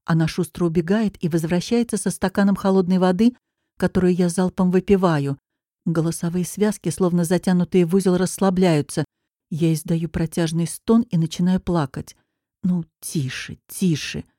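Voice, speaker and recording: A woman narrating a first-person audiobook with dramatic, expressive storytelling. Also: fairly low pitch, moderate pace, dry recording, clean studio sound.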